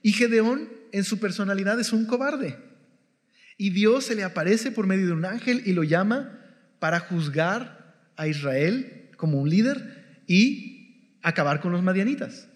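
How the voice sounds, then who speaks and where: A slightly higher-voiced man teaches a devotional Bible lesson in a relaxed, conversational way. He keeps checking in with his listeners as he explains. His voice carries a long hall reverb. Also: unhurried.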